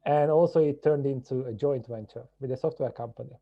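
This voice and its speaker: A man from Hungary, a podcast guest telling his story in a measured, reflective way. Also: mid-range voice, gravelly, muffled recording. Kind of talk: podcast interview.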